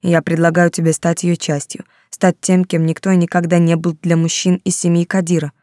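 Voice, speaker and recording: A brooding, possessive man speaks in a low, insistent plea, as a woman reads him. His tone is mellow and dark, and he stays steady. This is an audiobook voice recorded close and dry. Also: brisk, dry recording, lightly acted. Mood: urgent.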